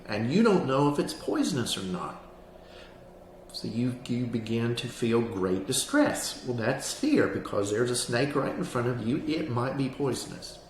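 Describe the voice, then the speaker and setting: A man with a mid-pitched voice gives a calm, instructive talk in the manner of a counselor leading a grounding exercise. His delivery is plain-spoken and explanatory. The room adds noticeable echo, and there is faint noise behind him. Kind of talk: explanatory lesson on anxiety grounding, spoken to camera.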